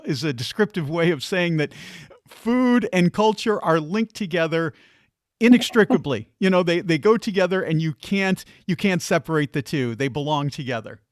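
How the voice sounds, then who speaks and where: A man hosting a podcast, introducing his guest and asking questions in a friendly, measured way. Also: fairly high pitch, expressive, no room sound, clean studio sound. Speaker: podcast host. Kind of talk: podcast interview.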